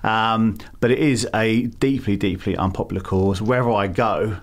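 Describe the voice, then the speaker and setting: Answering interview questions full of fillers and restarts, a middle-aged man from England who founded a campaign speaks with a London accent. He's a guest with a lowish voice at normal speed.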